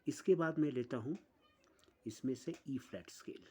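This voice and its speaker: A man teaching an online music lesson, explaining step by step with pauses. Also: medium pitch, darkish tone, breathy edge.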